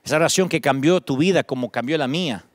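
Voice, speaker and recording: A middle-aged Argentine pastor preaches with insistent, rhythmic emphasis, stacking phrase on phrase. His voice sits high for a man. The sound is close and dry, with no room around it. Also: fast talker, no room sound. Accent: Argentine Spanish. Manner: emphatic preaching, builds lists with rising repetition. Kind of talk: sermon.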